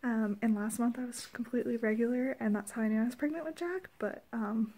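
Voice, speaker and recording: A young woman chatting casually to a phone at arm's length, giggly and often hushed and breathless. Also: on the high side, brisk. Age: young adult. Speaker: vlogger filming a home video with partner. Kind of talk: casual chat to camera. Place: small indoor room at home. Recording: noisy phone recording with clicks.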